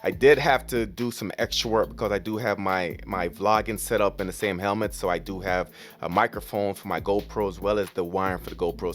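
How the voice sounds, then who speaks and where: A man with a lowish voice gives a casual, informal vlog voice-over. He walks through unboxing a product and setting it up, step by step.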